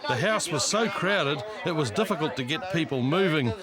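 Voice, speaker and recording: A man's voice: fairly high pitch, lively intonation, moderate pace, over a noisy crowd. A man with a New Zealand accent reading scripted narration for a police documentary. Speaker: reality show narrator.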